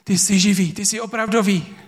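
Man doing a fervent apostle, exclaiming, pitched well up, long church echo. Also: fairly even intonation. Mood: awed fervent. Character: the apostle Thomas, a grown man crying out in awed faith.

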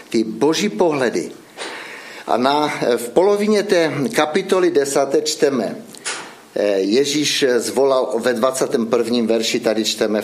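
A man delivering a sermon in a mid-pitched voice. He calls his hearers brothers and sisters, stumbles and restarts his phrases, and his pitch rises sharply when he is stirred, with his voice breaking with emotion at times. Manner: addresses listeners as brothers and sisters, rising to emotional high points; hesitant with fillers and restarts. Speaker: preacher.

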